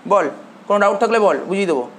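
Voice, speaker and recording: A male tutor from India teaches a classroom lecture. He dictates slowly, repeats each phrase, and quizzes his students. His voice carries the echo of a roomy classroom over a faint hum. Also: high-pitched, expressive. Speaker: commerce tutor.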